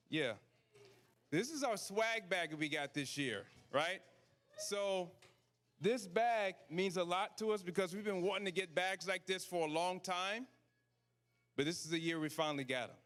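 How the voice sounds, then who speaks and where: Guy hosting a show on stage, kinda high voice, chatty, keeps asking the crowd stuff like right?. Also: normal speed, a bit bright. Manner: conversational, asks the audience questions, tags sentences with "right?". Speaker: event host. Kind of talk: casual stage announcing to a live audience.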